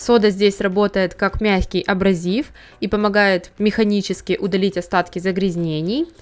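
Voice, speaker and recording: A woman giving a calm, step-by-step scripted voice-over on cleaning a pan. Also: medium pitch, normal speed, soft background music. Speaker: home cleaning tips host.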